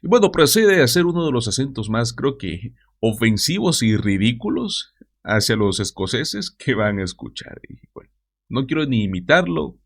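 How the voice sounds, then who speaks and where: A man's voice: mid-range voice, sing-song, moderate pace. A man hosting a news commentary show, talking straight to his viewers with mocking asides.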